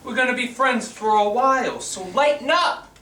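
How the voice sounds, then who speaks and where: A man's voice: extremely high pitch, moderate pace, bright, forceful tone, slight background noise. An actor playing a smarmy gangster henchman who talks in a leering, smug way on a live community stage. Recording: distant echoey hall recording.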